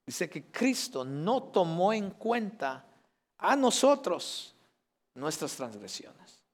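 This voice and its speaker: A Mexican pastor preaching to his congregation, his voice sitting a little high for a man. He swings from loud, emphatic declarations to soft, close asides. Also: big pitch swings, slow. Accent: Mexican Spanish. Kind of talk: sermon.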